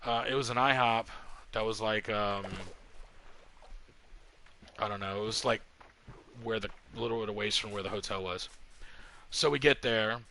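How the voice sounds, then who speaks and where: Bright-voiced profane male storyteller. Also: medium pitch, vocal fry, a little hiss or hum. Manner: profane, animated, quotes others heatedly. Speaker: podcast host telling a story while playing a game. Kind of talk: casual storytelling.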